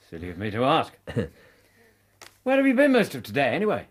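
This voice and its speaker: An actor playing a genial, loyal English gentleman doctor in a radio drama, courteous and conversational. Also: medium pitch, huge pitch swings, moderate pace. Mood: amused, patient. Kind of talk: British radio drama acting.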